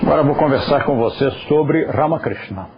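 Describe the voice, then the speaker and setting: A man teaching a recorded class, explaining things with patience and speaking now and then straight to viewers at home. His voice sits at a middle pitch. The recording is muffled and lo-fi, with a faint hiss behind it. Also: brisk. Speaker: yoga teacher. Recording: dull lo-fi recording.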